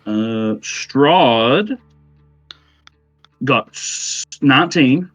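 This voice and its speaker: A man running a tabletop game as game master, easygoing and quick to laugh. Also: medium pitch, lively intonation, fairly bright tone, dry recording. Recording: dull dry sound, faint music.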